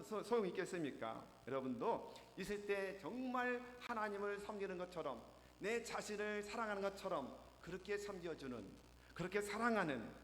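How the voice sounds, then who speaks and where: A man preaching a sermon as pastor, telling jokes with lively storytelling and acting them out. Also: on the high side. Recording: echoey hall, faint noise.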